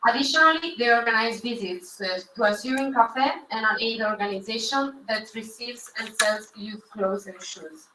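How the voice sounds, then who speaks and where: Heard from far off in an echoey hall, a woman emcees a live-streamed awards show with hesitant delivery, repeated words, and non-native phrasing. Her slightly high, pushed, bright voice moves at normal speed with hardly any pauses, over a little hiss or hum.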